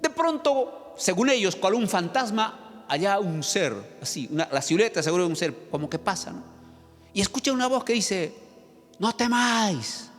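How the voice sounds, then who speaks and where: A man's voice: high-pitched, very animated, normal speed. A man, the pastor, preaching a sermon with dramatic storytelling and questions to the congregation. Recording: long church-hall reverb, faint music.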